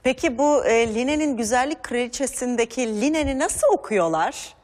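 A woman's voice: fairly high pitch, animated, normal speed, darkish tone, long reverb tail. A woman hosting a weekend talk show, chatting with theatre actors. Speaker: TV host. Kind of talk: casual TV talk.

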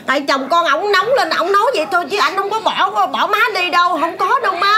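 A woman's voice: very high voice, brisk, very noisy. A woman with a Southern Vietnamese accent playing a sweet, pleading young wife in a comic folk-opera sketch. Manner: pleading, coaxing. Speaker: daughter-in-law. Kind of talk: comic folk-opera acting, spoken and sung. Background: folk music.

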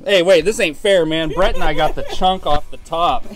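A man's voice: on the high side, moderate pace, crowd noise. A man chatting casually outdoors as he takes part in a group food challenge. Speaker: challenge participant. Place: outdoor backyard patio among a group.

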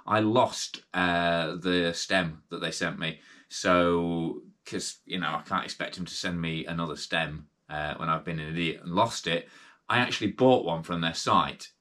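Late at night, a tired middle-aged British man hosts a casual cycling gear review from an indoor workshop with a brick wall and bikes. He's chatty and rambling, full of fillers and restarts, speaking British English in a low-pitched, sharp-toned voice.

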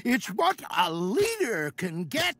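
A man voicing a gruff, scheming old Santa in a cartoon, blustery and theatrical. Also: sits high, huge pitch swings, takes it slowly, heavily acted. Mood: preachy showmanship. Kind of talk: animated cartoon voice acting. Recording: music underneath.

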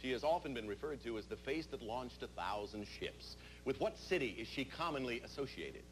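Middle-aged man, quiz show host, mid-pitched, noisy vintage TV recording. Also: expressive, fairly quick. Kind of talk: quiz show hosting, reading questions. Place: television studio.

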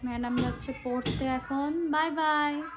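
A woman's voice: sits high, steady tone, unhurried, music in the background. A young woman narrating her family day at home to camera in a casual, chatty vlog style, talking to her viewers as guys. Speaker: family vlogger.

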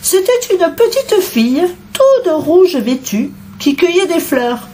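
Woman narrator, children's storybook read-aloud, lively sing-song intonation, slow pace. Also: very high-pitched, slight background noise. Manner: expressive, unhurried, sing-song.

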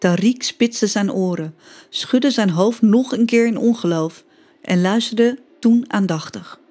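A woman reading a children's story aloud as scripted narration, expressive and lively, voicing the characters' cries. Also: medium pitch, unhurried, slight background noise. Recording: music bed behind voice.

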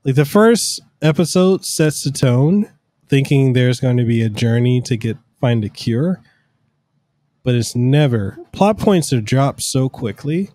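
On a home podcast, a male co-host rambles casually through long explanations peppered with fillers. His medium-pitched voice is dark, with lively intonation and a measured pace. He uses a studio mic on an arm and headphones, and the sound is dry.

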